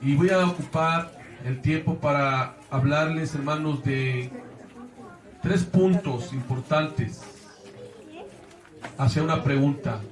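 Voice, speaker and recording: Heard from a distance in a reverberant church, a man with a Mexican Spanish accent delivers a sermon as pastor, earnestly addressing the congregation as brothers. His fairly high voice moves slowly, with long pauses.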